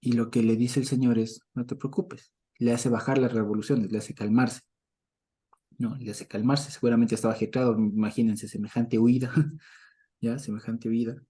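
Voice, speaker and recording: In a relaxed Bible lesson, this middle-aged man talks conversationally, laughs often, and keeps checking on his audience. His slightly rough mid-range voice holds a steady tone at normal speed, though he shifts between booming mock sermons and quiet murmurs.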